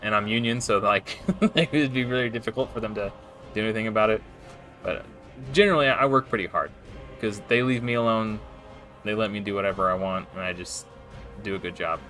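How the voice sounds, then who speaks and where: A man's voice: lowish voice, a little fast, bright, forceful tone, soft background music. A man streaming live and casually commenting on his gameplay, rambling with frequent restarts and self-corrections. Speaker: game streamer.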